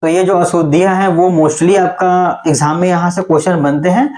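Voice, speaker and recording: Hindi teacher with a patient, steady voice. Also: male voice, high-pitched, fairly quick. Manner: explains patiently, often says "theek hai" to check in. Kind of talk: online class lecture.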